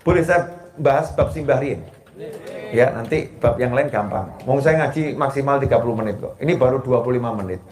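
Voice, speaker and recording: A man from Solo with a Javanese accent, preaching a sermon to a live gathering in a lively manner, joking with the audience. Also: medium pitch, brisk. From Solo, Central Java. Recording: echoey hall.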